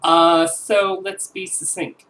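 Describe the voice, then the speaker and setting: A woman's voice: on the low side, flat delivery, takes it slowly, a bit bright, low-quality recording. A woman in her twenties chatting casually to camera as a vlogger, rambling with fillers and self-corrections. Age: 20s.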